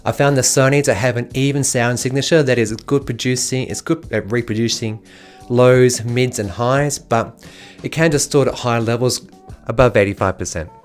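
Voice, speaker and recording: Male video host, medium pitch, casual gadget-review delivery over light guitar music. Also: steady tone, normal speed. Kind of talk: casual product review narration. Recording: music playing behind the voice.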